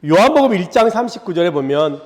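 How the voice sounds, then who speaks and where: A man preaching a sermon as pastor, in a conversational way that keeps asking the congregation to agree, and he acts out the scripture voices with dramatic pauses. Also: sits high, very animated. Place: church sanctuary. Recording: reverberant church sanctuary.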